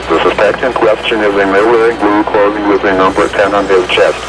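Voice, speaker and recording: A man reading an automated emergency alert in a flat, formal manner, heard as a hissy AM radio broadcast. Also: lowish voice, fairly quick, poor audio. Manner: flat, even, formal announcement.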